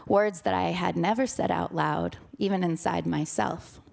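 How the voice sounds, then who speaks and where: A woman's voice: lowish voice, a little slow, gravelly, a little mellow. A woman in her thirties telling a personal story on stage in a dramatic, vivid way.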